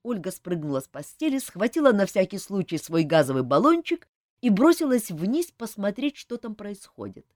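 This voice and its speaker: A woman narrating a fantasy novel as an audiobook reader, expressive in delivery. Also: medium pitch, moderate pace, no echo, studio quality. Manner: expressive, lively reading.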